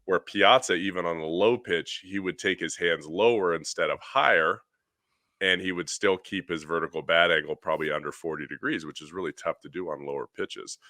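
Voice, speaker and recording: A middle-aged man with a low, bright, forceful voice talks through a baseball swing in an animated, rambling way. He is recorded on a dry, close mic for a podcast. It sounds like casual studio chat. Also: brisk, no echo. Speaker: podcast co-host, hitting coach.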